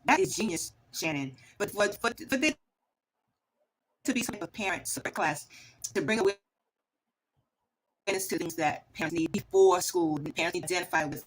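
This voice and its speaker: A woman's voice: lowish voice, lively intonation, fairly quick, long pauses, slight background noise, rough recording. A middle-aged woman and former teacher chatting casually on a remote call, rambling and restarting her phrases while her connection breaks up. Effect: choppy connection, stream breaking up. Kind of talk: casual online talk show chat.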